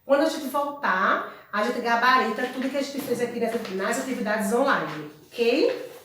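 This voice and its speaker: Woman, teacher explaining a lesson, fairly high voice, very echoey room. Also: expressive, moderate pace, fairly bright tone, a little hiss or hum. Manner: explanatory, checks in with tags like "ok?" and "tá?". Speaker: Spanish teacher. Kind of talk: online class lecture. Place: room at home.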